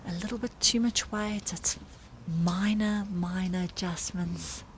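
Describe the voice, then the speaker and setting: A woman's voice: fairly low pitch, a little slow, slight background noise. A woman with a South African accent giving live, unscripted sports commentary. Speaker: commentator and club marketing organiser.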